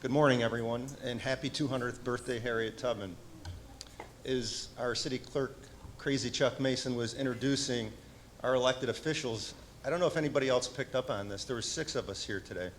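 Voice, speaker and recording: A man's voice: medium pitch, fairly even intonation, a little fast, slight background noise. A man serving as city councilor, giving upbeat, chatty remarks at a ceremony.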